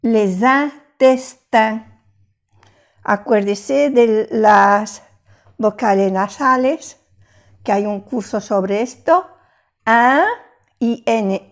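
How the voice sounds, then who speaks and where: Slow-speaking older woman teaching French. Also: a little high. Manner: patient, repeats phrases slowly. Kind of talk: language lesson.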